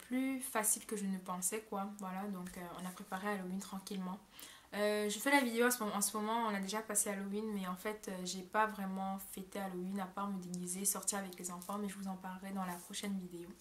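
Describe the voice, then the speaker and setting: A woman's voice: mid-range voice, fairly bright tone. Young woman vlogger, casual rambling delivery full of fillers, mid-range voice, faint background noise. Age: young adult. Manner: rambling, many hesitations and self-corrections. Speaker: au pair vlogger. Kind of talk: casual vlog monologue.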